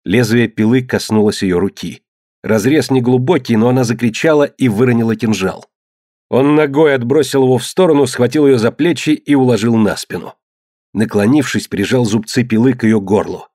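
A man's voice: mid-range voice, moderate pace, warm tone, no room sound, clean studio sound. Man narrating an adventure audiobook.

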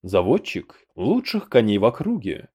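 A man narrating a fantasy audiobook in a lively storytelling manner, giving each character a voice of their own. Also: on the low side, normal speed, slightly rough.

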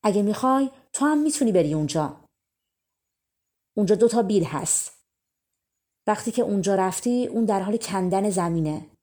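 A woman's voice: mid-range voice, expressive, long pauses, lightly acted. A woman voicing a kind, motherly old woman in a fairy tale. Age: older. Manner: warm, motherly.

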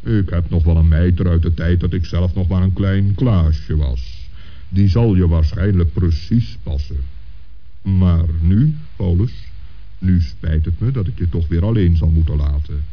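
This is an aged Saint Nicholas character in a children's radio play, his voice extremely deep and the old recording dull. His manner is dignified, gentle and patient, comforting listeners in an even, measured way.

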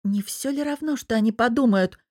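A woman's voice: measured pace, no echo, studio quality, natural voice. A woman voicing a defiant young wife. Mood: upset arguing. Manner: pleading and defensive, rising pitch. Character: young wife, dance teacher, defiant and hurt.

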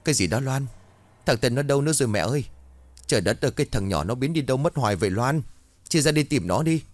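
Brief: sharp-tongued old mother-in-law, voiced by a man, pitched up, quick to scold. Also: expressive, no echo, close to an everyday voice. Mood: alarmed. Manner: scolding, bossy. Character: bossy, fretful older mother-in-law.

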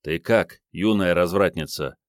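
A man's voice: low voice, a little slow, dry recording, clean studio sound. A man voicing a sheepish, flustered older department boss in an audiobook, meek and pleading. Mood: affectionate.

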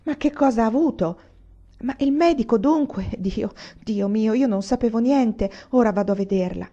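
A woman's voice: mid-range voice, brisk, mellow, close to an everyday voice. A woman voicing a grieving young man who cries out in horror and sobs, in a slightly dull lo-fi recording. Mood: distressed. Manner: anguished, crying out and sobbing.

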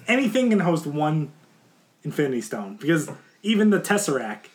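A man's voice: on the high side, sing-song, moderate pace. Young man hosting a podcast, argumentative. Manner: argumentative, insistent. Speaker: podcast host. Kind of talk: casual podcast chat.

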